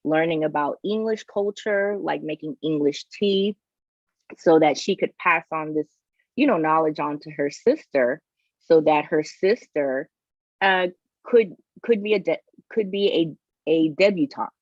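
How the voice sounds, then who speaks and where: A woman's voice: sits low, unhurried, no room sound, lo-fi sound. A woman co-hosting a casual podcast chat, thinking aloud and restarting her sentences. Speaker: podcast co-host.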